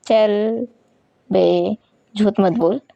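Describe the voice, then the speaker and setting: A woman's voice: medium pitch, fairly even intonation, drawn-out words, mellow, no echo, dull audio. Woman voicing a teasing, bold young man. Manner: rough, mocking slang.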